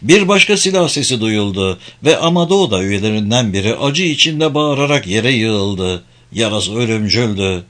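A man reading an adventure novel aloud in measured, dramatic audiobook narration. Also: on the low side, lively intonation, fairly bright tone.

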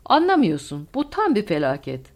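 A woman voicing a stern male German colonel in an audiobook, with loud bitter outbursts. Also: on the low side, sing-song, a little fast. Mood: bitter anger.

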